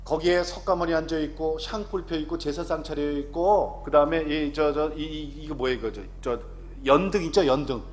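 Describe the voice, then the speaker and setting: A man in his fifties, an announcer, giving a lively testimony to a congregation and often asking the audience questions. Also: on the high side, moderate pace, hardly any pauses, slight background noise.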